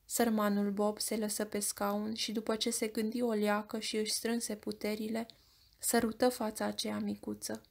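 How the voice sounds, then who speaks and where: A woman with a Romanian accent reading an audiobook in a measured storytelling voice. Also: medium pitch, completely flat delivery, gravelly. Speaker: audiobook narrator.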